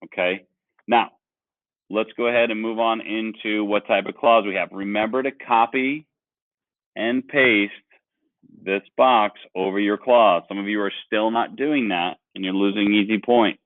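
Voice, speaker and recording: A man's voice: fairly low pitch, fairly even intonation, a little slow, no echo. A male teacher leading an online grammar lesson, explaining patiently and asking the class questions. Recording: dry, phone-like sound.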